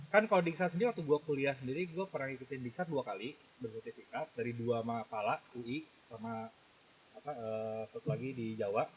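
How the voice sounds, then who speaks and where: A man's voice: medium pitch, expressive, brisk, a little hiss or hum, poor audio. A man hosting a casual podcast chat, talking in slang with lots of fillers and restarts. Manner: chatty, uses slang, many fillers and restarts. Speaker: podcast host.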